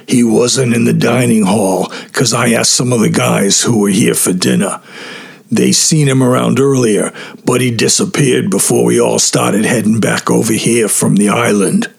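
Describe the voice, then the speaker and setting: A man voicing a blunt, gruff teen camper. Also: medium pitch, steady tone, moderate pace. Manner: blunt, laid-back slang.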